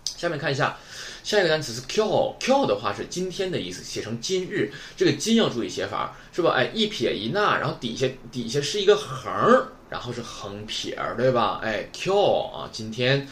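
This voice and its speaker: Lively-voiced man teaching vocabulary. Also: medium pitch, a little fast, a little hiss or hum. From Northeast China. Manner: explains patiently, keeps asking rhetorical questions. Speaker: Japanese teacher. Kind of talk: recorded vocabulary lesson.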